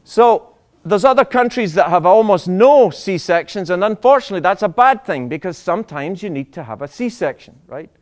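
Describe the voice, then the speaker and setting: A man, a doctor, giving a public lecture, animated and full of rhetorical questions to the audience. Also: high-pitched, normal speed.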